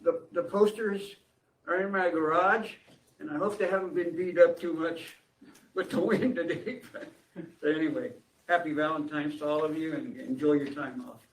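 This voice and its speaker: A man's voice: fairly high pitch, steady tone, moderate pace. A board member, a man, giving casual thanks with some laughs. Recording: echoey room, distant mic.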